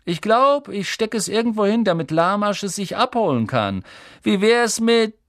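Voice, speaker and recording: Malfoy: a man doing a high sneering boy bully. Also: sing-song, normal speed, no echo. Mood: taunting. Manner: taunting, mocking.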